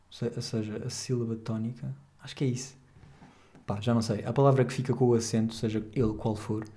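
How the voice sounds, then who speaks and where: A man's voice: mid-range voice, mellow. A young man with a European Portuguese accent, hosting a podcast in a rambling, jokey, slangy way. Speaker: podcast host. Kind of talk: casual podcast chat.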